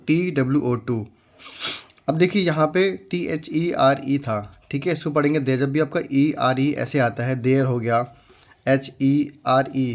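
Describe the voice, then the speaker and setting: A young man teaching English reading in Hindi, spelling words out letter by letter, repeating them slowly, and often checking in with "okay". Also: mid-range voice. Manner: slow, patient spelling out letter by letter.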